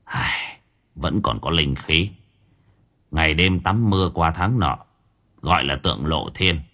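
A man voicing a gruff, blunt old male spirit master in an audio story, speaking low and muttering. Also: measured pace, sharp tone, exaggerated voice. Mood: solemn. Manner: low gruff muttering, calls others "mày".

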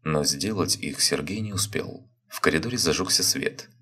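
A man reading a story aloud in a calm, measured narration. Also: a bass voice, breathy edge. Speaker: reader. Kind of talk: audiobook narration.

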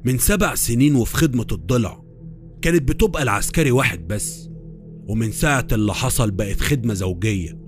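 A man voicing an older, kindly but stern army sergeant, in an Egyptian Arabic accent and a calm, plain way of talking. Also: mid-range voice, brisk, over music, lightly acted. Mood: fatherly.

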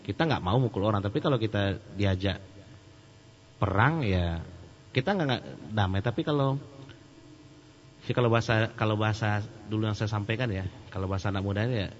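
A man giving a casual question-and-answer sermon, joking and animated. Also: lowish voice, fairly quick, long pauses, long reverb tail. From Sumatra. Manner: joking and animated, laughs at his own jokes. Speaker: Islamic preacher. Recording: muffled lo-fi recording with faint hum.

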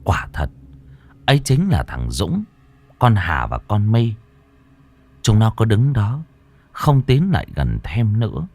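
Expressive man narrating a ghost story. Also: slow pace, pauses often. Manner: dramatic, highly expressive, many character voices.

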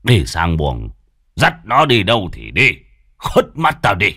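A man voicing a stern, hot-tempered wealthy old village patriarch who scolds and shouts orders. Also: very deep voice, big pitch swings, measured pace, dry recording, clean studio sound, voice pushed down, exaggerated voice. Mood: gruff.

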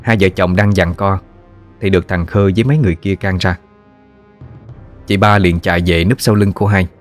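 A man narrating a ghost story in an even, storytelling delivery. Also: sits low, normal speed, soft background music.

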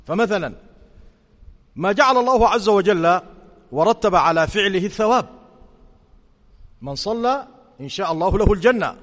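A man's voice: high-pitched, fairly bright tone, in a large hall. A man teaching a religious lesson as a sheikh, explaining points and often asking his students whether they follow. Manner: questioning students, checking understanding.

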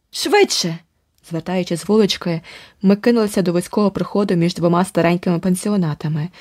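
A woman narrating an adventure audiobook in a steady, vivid storytelling manner. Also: lowish voice, no room sound, studio quality. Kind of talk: scripted narration.

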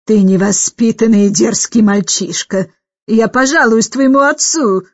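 Domineering older governess, loud and slow, barks every order, put on by a woman narrator. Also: a little high, dry recording, highs cut off.

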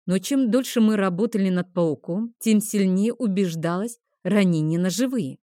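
A woman narrating a first-person fantasy novel in an expressive storytelling manner. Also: medium pitch, normal speed, dry recording, studio quality. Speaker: audiobook narrator.

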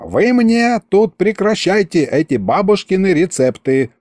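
A man's voice: high voice, sing-song, a little slow, a little mellow, dry recording, voice pushed up. Guy doing a bossy fussy lady doctor scolding the patient. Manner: scolding, prim. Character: strict fussy young female healer.

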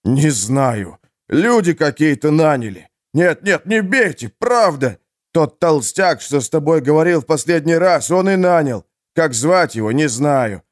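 A man's voice: fairly high pitch, animated, measured pace, hardly any pauses, darkish tone, pitched above the performer's own voice. A man voicing a cowardly male jailer who sneers at first and then begs for mercy under blows, in an audiobook. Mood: pleading. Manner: pleading, whining.

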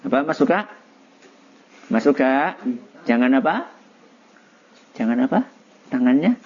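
Lively man quizzing a children's class. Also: mid-range voice, a little slow. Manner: lively, quizzing students, laughing. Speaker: religious teacher. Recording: dull lo-fi recording.

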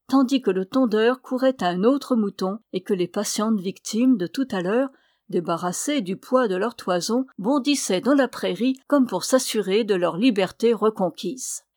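A woman narrating a novel as an audiobook reader, in a steady, even storytelling read. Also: medium pitch, no echo, clean studio sound. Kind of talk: scripted narration.

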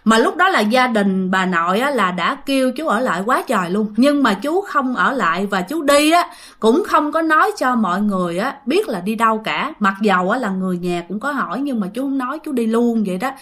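A woman's voice: a little high, animated, brisk, fairly bright tone. A woman narrating a ghost story in a chatty way, talking straight to listeners. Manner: chatty, addresses listeners directly.

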